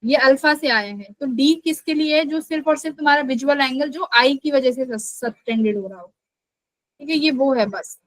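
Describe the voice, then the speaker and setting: A woman's voice: high-pitched, normal speed, fairly bright tone, no echo, low-quality recording. A young adult woman teaching physics in a live online class, explaining patiently and often checking that the students follow.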